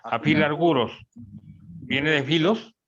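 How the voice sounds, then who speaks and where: A man's voice: on the high side, expressive, slow, a bit bright. A man, a pastor teaching a ministry class, explaining Greek words and asking his students questions. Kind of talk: classroom Bible teaching, conversational. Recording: dull lo-fi sound.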